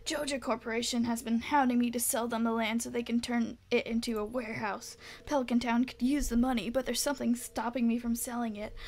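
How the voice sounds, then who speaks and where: A woman's voice: on the high side, flat delivery, a little fast, few pauses, a little mellow. A woman voicing a nostalgic old male mayor in a farming game, reading the dialogue aloud in a slightly raised voice. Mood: wistful.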